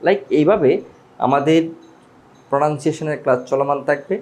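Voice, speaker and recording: A man's voice: a little high, a little fast, a little mellow. A man with a Bengali accent teaching English pronunciation, repeating each word and explaining it step by step. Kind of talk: spoken language lesson.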